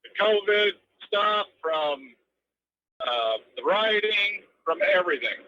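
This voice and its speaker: High bright man calling in from a truck. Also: lively intonation, slow. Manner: rambling and earnest, piles up points with many ums. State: driving while talking. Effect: phone call from a moving truck. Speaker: radio call-in caller. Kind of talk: casual call-in chat. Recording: muffled lo-fi phone line from a moving truck. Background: road and vehicle noise.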